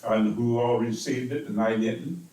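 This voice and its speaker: A mayor with a strong, carrying voice speaks insistently in a city council chamber, repeating words as he defends himself. His voice is mid-range and warm, unhurried, with fairly even intonation. The chamber is echoey and the mic is distant.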